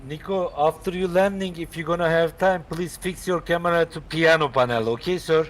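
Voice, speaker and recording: A man's voice: on the high side, moderate pace. A man streaming a flight simulator, chatting casually in non-native English and joking with a friend. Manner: non-native English, jokey, loud at times. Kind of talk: casual live-stream chat.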